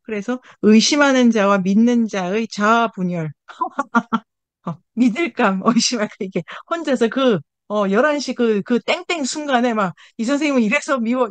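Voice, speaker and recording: A woman leads a book seminar, reading passages aloud and breaking into lively asides. She laughs often and acts out little scolding voices, at an ordinary middle pitch. The sound is dry and close, with no room echo. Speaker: seminar leader.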